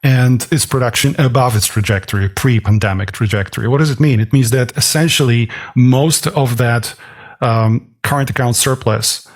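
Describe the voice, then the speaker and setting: Gravelly Swiss-raised man explaining economics. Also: mid-range voice, normal speed. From Switzerland. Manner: dense, analytical, many restarts. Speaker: guest, author and portfolio manager. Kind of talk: podcast interview.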